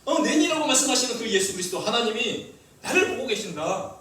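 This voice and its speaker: A male pastor preaching a sermon, lively and asking the congregation questions. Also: extremely high pitch, a little fast, very echoey, distant mic, low-quality recording. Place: church hall.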